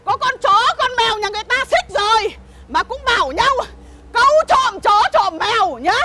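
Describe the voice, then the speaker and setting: A woman playing a hot-tempered village mother who curses a thief in shrill, rhythmic rants. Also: animated, normal speed. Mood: indignant. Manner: shrill, ranting, rhythmic cursing. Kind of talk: comedy sketch acting.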